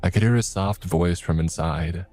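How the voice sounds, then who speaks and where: A man with a very low voice tells a first-person horror story. His delivery is measured and steady, with faint music playing underneath. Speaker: narrator.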